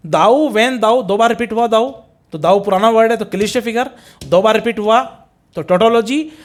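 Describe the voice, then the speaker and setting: A middle-aged male teacher with a high voice lectures on an English poem for exam students. He mixes Hindi and English, asks questions and answers them himself, and slows right down whenever he quotes a line of verse. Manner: explains in Hindi mixed with English, reads poem lines slowly and stretched.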